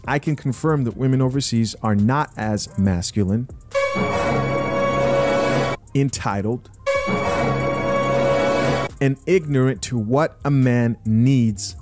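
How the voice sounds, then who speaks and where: A man in his thirties, born in Zambia, giving blunt, opinionated commentary to his viewers on a close studio mic. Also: mid-range voice. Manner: blunt, emphatic, addresses viewers directly. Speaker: podcast host. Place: small home studio room, indoors. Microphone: close studio mic, wearing headphones.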